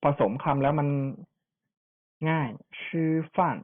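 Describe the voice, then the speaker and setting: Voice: mid-range voice, little pitch movement, takes it slowly. A language teacher giving an online pronunciation lesson, repeating each syllable for students to copy, with chatty asides. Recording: tinny phone-like sound.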